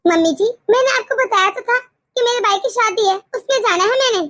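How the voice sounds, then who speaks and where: A woman's voice: very high-pitched, a little fast, a bit bright, dry recording. A woman voicing a stubborn, self-centred young daughter-in-law in a cartoon, arguing back defiantly. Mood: insistent. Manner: defiant, argumentative. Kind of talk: cartoon voice acting.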